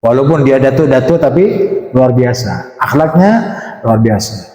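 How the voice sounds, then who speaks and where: A man's voice: medium pitch, animated, moderate pace, mellow. A man preaching a Quran commentary sermon, asking the audience frequent rhetorical questions. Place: mosque or religious school hall. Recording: echoey hall reverb.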